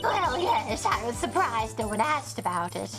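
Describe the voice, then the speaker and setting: A woman plays a gossipy old woman on the witness stand, pushy and full of herself. The voice is strained and scratchy, pitched high with big sing-song swoops. Game music plays underneath. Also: big pitch swings, moderate pace. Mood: chatty. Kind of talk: reading a visual novel aloud.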